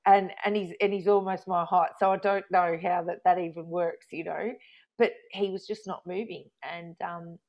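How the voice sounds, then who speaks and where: A woman's voice: lowish voice, steady tone, normal speed, a little mellow. A woman in her thirties with an Australian accent, candidly telling a personal story and acting out remembered arguments. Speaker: guest. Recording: dull lo-fi sound.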